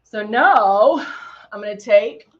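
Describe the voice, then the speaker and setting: Slow-paced with lively intonation, a mid-range-voiced middle-aged woman from Texas hosts a live makeup tutorial for a brand. She chats brightly in her country accent, greets viewers as she applies makeup, and adds playful sound effects. The dull lo-fi stream has slight background noise.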